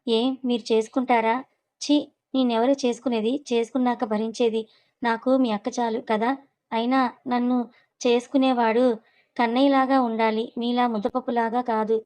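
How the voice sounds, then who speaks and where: A woman's voice: fairly high pitch, flat delivery, normal speed, darkish tone, natural voice. A woman voicing a teasing, cheeky young woman in a storybook reading, playful and coy.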